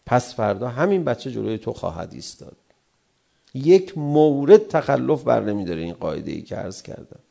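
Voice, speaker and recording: A middle-aged male cleric preaching with a gravelly, fry-laden voice. His tone is dark and mellow. He talks in animated swings, leaping high for emphasis and dropping back to a low murmur. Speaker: cleric giving a religious talk. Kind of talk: sermon on family and anger.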